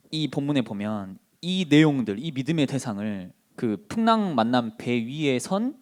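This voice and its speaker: Lively male preacher asking rhetorical questions. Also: mid-range voice. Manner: animated, with many rhetorical questions; retells stories by acting out the people in them. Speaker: preacher at a college ministry. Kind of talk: sermon.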